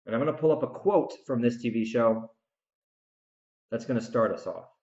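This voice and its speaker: A medium-pitched, expressive man with a darkish tone speaks at a moderate pace. He's an American author hosting a solo podcast, ranting casually and emphatically with strong opinions directly to the listener, and the room sound is dull and echoey.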